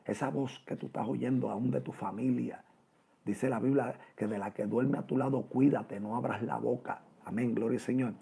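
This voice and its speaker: A man's gravelly, deeply husky voice, dark in tone, preaching a fervent radio sermon. He speaks, calling out "amén" and "gloria al Señor" between phrases. He addresses his listeners directly as "hermano". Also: steady tone, moderate pace.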